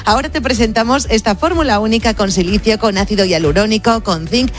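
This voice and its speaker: A woman's voice: fairly quick, soft background music. A woman doing a live radio ad read, upbeat and persuasive. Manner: upbeat, persuasive sales pitch. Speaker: radio ad presenter.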